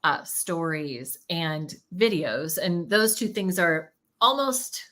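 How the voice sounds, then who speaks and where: A woman's voice: on the low side, expressive, fairly bright tone. A woman hosting a live podcast interview, enthusiastic and playful, asking open questions. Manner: enthusiastic, playful, quick exclamations. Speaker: podcast host.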